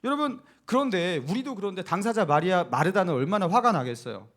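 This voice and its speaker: A man, a senior pastor, preaching a sermon, telling the story with animated asides and asking the congregation questions. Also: high voice, a little fast. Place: church sanctuary.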